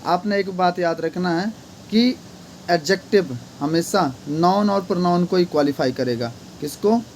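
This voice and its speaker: A man's voice: high voice, measured pace, darkish tone, slight background noise. A man teaching an English grammar lesson, repeatedly asking questions and answering them himself.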